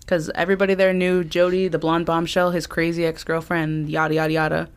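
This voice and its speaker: A woman's voice: low voice, level tone, fairly quick, clean tone. A young woman co-hosting a podcast, telling a story in casual chat, laughing often and acting out quotes. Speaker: podcast co-host.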